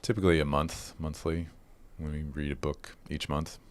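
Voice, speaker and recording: Very deep-voiced man chatting casually. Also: little pitch movement, moderate pace. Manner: informal, peppered with "like" and "you know". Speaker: podcast guest. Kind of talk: casual interview chat.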